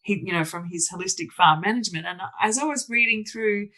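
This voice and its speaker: A woman's voice: mid-range voice, brisk, pushed and bright, low-quality recording. A woman hosting a podcast interview, talking enthusiastically in long rambling sentences full of restarts. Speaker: podcast host. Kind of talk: conversational interview.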